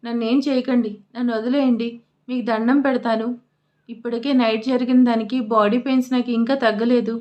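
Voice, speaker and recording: A jittery young male assistant, as a woman narrator puts him on in an audio storybook. He pleads and overreacts in comic panic, in a slightly high voice. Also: little pitch movement, brisk, lo-fi sound, natural voice. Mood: panicky.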